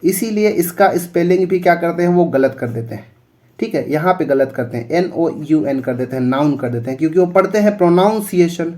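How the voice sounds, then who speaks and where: A man's voice: fairly high pitch, expressive, fairly quick, warm tone. A male teacher explaining English spellings for exam preparation, spelling words out letter by letter and checking in often.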